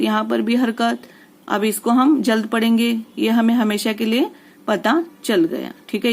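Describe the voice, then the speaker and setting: A woman teaching a recitation lesson, patiently spelling out each letter and vowel mark and repeating every word, often checking in with the listener. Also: medium pitch. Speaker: Quran reading teacher.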